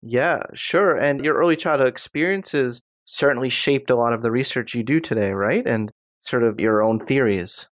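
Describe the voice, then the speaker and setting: A man's voice: medium pitch, moderate pace, few pauses, a bit bright. A man hosting an interview podcast, introducing and questioning his guest with enthusiasm. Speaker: podcast host.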